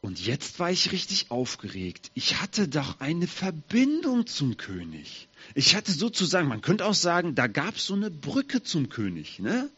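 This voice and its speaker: A man telling a Bible story in the first person as a lame, humble young man, asking his listeners questions in a slightly husky voice. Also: a little high, wildly swooping pitch, unhurried, few pauses, a bit bright, highs cut off, voice pushed up, full character voice. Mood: excited. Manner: addresses listeners directly, asks them questions.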